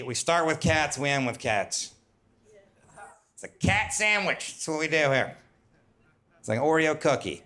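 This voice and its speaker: Male stand-up comic, bright forward tone, wry conversational set on a club stage. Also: mid-range voice. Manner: wry, conversational, jumps to loud put-on whines. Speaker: stand-up comedian. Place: comedy club stage with audience laughter.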